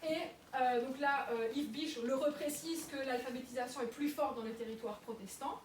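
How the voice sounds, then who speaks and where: This young woman's lecture comes across as hesitant: her fairly high voice is full of fillers and restarted sentences. She is recorded from a distance in a reverberant room, and a constant noise sits under everything she says.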